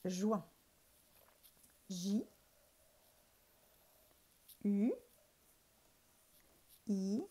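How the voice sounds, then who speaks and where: A woman teaching young children remotely, speaking clearly and spelling out letters and sounds. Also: medium pitch, mellow. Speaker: primary school teacher. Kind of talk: remote lesson for young pupils. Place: classroom in front of a board.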